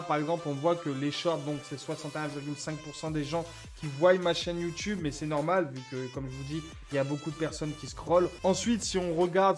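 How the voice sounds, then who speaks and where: Over background music, a small YouTuber with a fairly high-pitched voice chats with his subscribers about his channel stats. His tone is casual and conversational, and he refers to viewers as mates.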